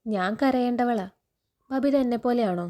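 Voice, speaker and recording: A woman reading the lines of a timid young woman from an orphanage, in a soft, hesitant way. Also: fairly high pitch, moderate pace, lightly acted.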